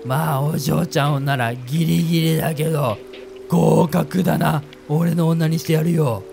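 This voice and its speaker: A man's voice: on the high side, steady tone, measured pace, vocal fry, a little mellow. A young man voicing a condescending, swaggering working-man customer, with game music behind.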